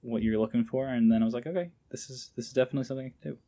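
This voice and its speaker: A medium-pitched, mellow man races through his words as a podcast guest. He's an amateur voice actor in a casual interview chat, sounding informal, somewhat hesitant, and enthusiastic.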